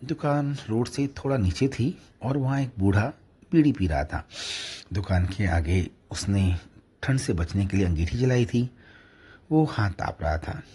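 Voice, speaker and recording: A man narrating a story in a plain, steady manner. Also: lowish voice, measured pace, a little hiss or hum.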